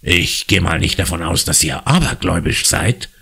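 A man voicing a genial, amused drama teacher in an audiobook, in a measured tone. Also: low-pitched, expressive, gravelly, bright, forceful tone, slightly rough, heavily acted.

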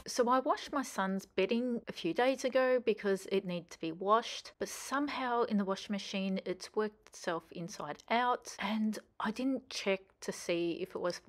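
A woman in her thirties narrating her cleaning vlog in a chatty, encouraging voice-over that asks viewers questions. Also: medium pitch. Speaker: cleaning vlogger.

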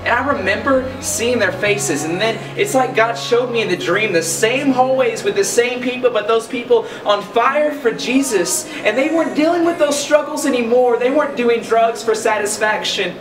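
A young man, a youth pastor, giving a short motivational talk to the camera, earnest and building to excited emphasis. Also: very high voice, moderate pace, few pauses. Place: school locker room and long hallway, indoors. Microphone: camera a few steps away, no mic seen. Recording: roomy, distant sound with music underneath.

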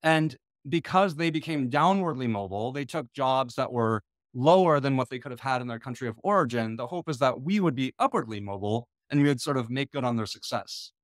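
A middle-aged American lecturer leads a discussion during an online conference talk, his mid-range voice carrying lively intonation. Thoughtful and measured, he hesitates with ums and restarts his sentences. His video call webcam captures him in a small indoor room with close, dry sound and no echo.

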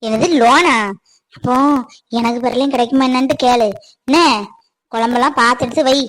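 A woman doing a sharp, scolding stepmother. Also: fairly high pitch, a little fast, natural voice, rough recording. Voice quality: sharp, fault-finding. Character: strict scolding stepmother, middle-aged woman. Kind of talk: cartoon voice acting.

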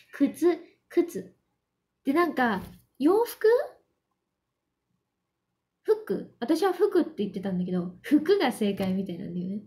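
A young Japanese woman hosting a relaxed livestream, her voice sitting high and her words unhurried. She giggles often, drifts between Mandarin and Japanese, and reads out viewer comments as she goes. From Yamanashi, Japan. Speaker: idol livestream host. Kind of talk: casual livestream chat.

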